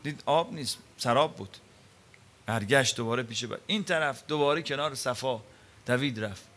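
A man preaching a sermon, telling stories dramatically with rhetorical questions, swinging between loud emphasis and hushed quiet. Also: medium pitch.

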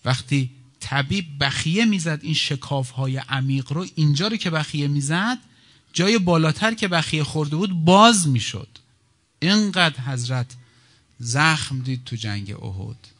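A man's voice: fairly high pitch, expressive, fairly bright tone. Man preaching a wailing lament. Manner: swings from fast telling to slow, wailing lament. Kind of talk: sermon with mourning recitation.

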